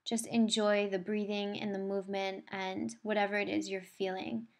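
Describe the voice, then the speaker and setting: Female yoga instructor, mid-pitched voice, soothing and encouraging delivery for guided movement and breathing. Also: little pitch movement, normal speed. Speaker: yoga teacher.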